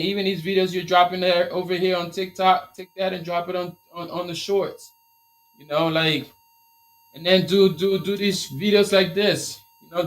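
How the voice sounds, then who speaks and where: On a rough recording, a high-pitched Liberian man with a Liberian accent fields questions during a casual live stream about his t-shirt business. His style is energetic and motivational, with lots of repeated points.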